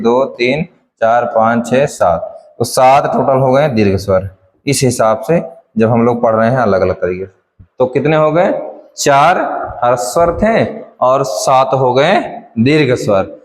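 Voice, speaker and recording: A man with an unhurried, mid-range voice teaches Hindi grammar in a classroom lecture. He works through definitions step by step, repeating key phrases. The room is echoey, with long reverb.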